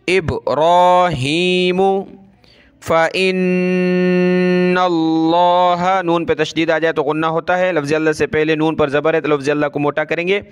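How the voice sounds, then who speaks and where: Spelling out every letter and vowel of each word, a man with a high, smooth voice teaches Quran recitation, then chants the word slowly.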